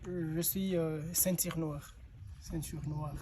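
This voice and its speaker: A man's voice: on the high side, steady tone, takes it slowly, noisy background. A man from South Kivu, answering interview questions hesitantly with many fillers. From DR Congo, South Kivu. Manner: hesitant, frequent fillers and restarts. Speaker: karate teacher and singer being interviewed.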